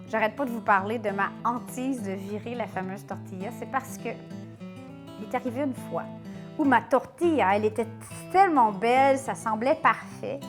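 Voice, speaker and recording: A woman's voice: a little high, moderate pace, music in the background. A woman hosting a cooking tutorial, chatty and playful as she talks to viewers in a home kitchen. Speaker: cooking show host.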